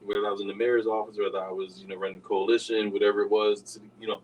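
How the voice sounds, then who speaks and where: An older man hosting a radio talk show, telling stories in a raspy, easygoing way. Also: fairly low pitch, flat delivery, rapid-fire, darkish tone, distant mic, slight background noise, rough recording.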